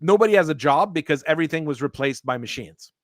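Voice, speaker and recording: A man hosting a casual chat, talking in a rambling, halting way with frequent restarts. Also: on the high side, expressive, a bit bright, dry recording, clean studio sound. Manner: rambling, halting, laughs often. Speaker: host.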